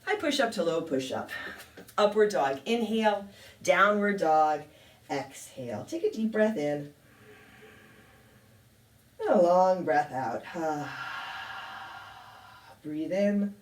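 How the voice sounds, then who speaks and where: A woman teaching a yoga class, calmly calling out poses and breaths with a touch of self-deprecating humor. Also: lowish voice, slow pace, pauses often. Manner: calm cueing with light self-deprecating humor. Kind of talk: guided yoga class instruction. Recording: echoey room, mic at a distance.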